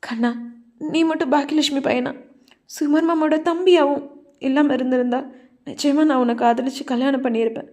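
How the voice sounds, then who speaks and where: A woman's voice: high-pitched, steady tone, brisk, lightly acted. Woman doing a heartbroken young college girl. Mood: wistful. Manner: wistful, quietly firm.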